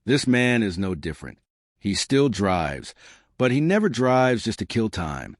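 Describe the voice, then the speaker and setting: A man's voice: fairly low pitch, very animated, unhurried, no room sound, studio quality. A man reading scripted narration for a health advice video, as the narrator.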